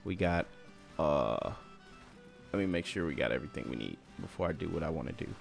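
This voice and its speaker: A man giving casual gameplay commentary in laid-back slang, getting loud and hyped at times. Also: rumbling low, expressive, fairly quick, gravelly, soft background music.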